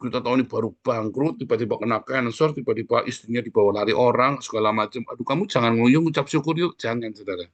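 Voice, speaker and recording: A man's voice: medium pitch, no room sound, lo-fi sound. A male pastor giving a sermon in a conversational way, often addressing the congregation directly. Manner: sings short worship lines softly and slowly.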